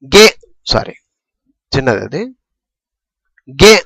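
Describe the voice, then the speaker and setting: A man's voice: mid-range voice, sing-song, slow, fairly bright tone, dry recording, rough recording. A man teaching a script lesson, reciting syllables one by one and checking in with his students. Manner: patient, repetitive drilling, frequent "okay?" checks.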